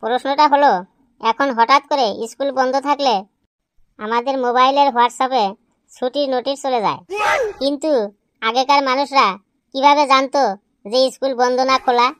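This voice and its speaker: A woman voices cheeky village schoolboys in a comedy cartoon, grumbling, questioning the teacher, and pleading in an exaggerated way with a curious, teasing mood. Her high-pitched voice is steady, a bit bright and smooth, at a moderate pace with frequent pauses and no room sound.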